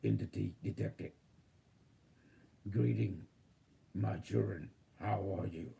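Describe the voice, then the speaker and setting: A man voicing a calm future AI healer that speaks in slow, gentle machine announcements. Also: fairly low pitch, creaky, exaggerated voice. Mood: robotic, soothing. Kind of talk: spiritual channeling session.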